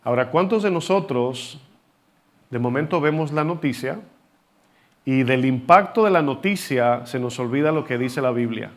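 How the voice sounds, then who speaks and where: A man's voice: mid-range voice, expressive, moderate pace. A man preaching a sermon, teaching from scripture with rhetorical questions and having the congregation repeat words after him.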